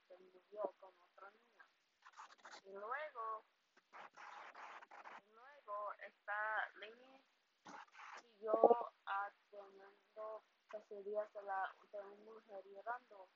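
A woman casually retelling a story, hesitant, with fillers and restarts and English words slipped in. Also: medium pitch. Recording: dull lo-fi recording with steady background noise.

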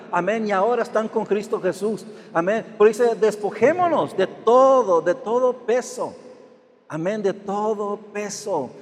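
A male pastor with a high voice preaches a sermon, punctuating nearly every phrase with "amen". He often restarts his words. The sound rings with a long reverb from a large hall. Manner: repeats amen and hermanos constantly, with restarts; acts out whiny complaints in a raised voice.

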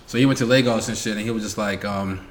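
A man's voice: on the low side, fast talker, slight background noise. A man from New York co-hosting a casual podcast chat, telling stories with lots of slang and swearing, and acting out what other people said. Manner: animated storyteller, acts out quotes, heavy slang and swearing. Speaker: podcast co-host.

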